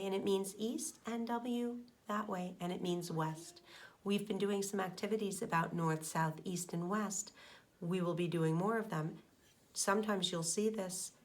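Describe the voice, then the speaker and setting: A middle-aged elementary school teacher with a lowish voice reads a picture book aloud to young children. She explains it in simple, deliberate phrases and asks her listeners questions.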